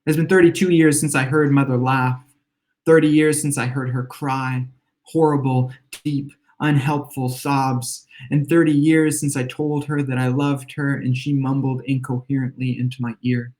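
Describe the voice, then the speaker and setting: In a room with exposed brick at home, a man reads from his own literary fiction, letting the first-person passages unfold slowly and thoughtfully. His mid-pitched voice has a worn, slightly hoarse texture, with a level tone that's a little mellow.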